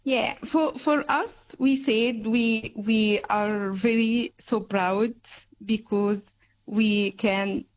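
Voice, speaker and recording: Slow-speaking woman with an Egyptian accent. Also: a little high, fairly even intonation, muffled recording. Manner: halting non-native English with frequent laughs. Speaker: interview guest. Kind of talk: radio interview.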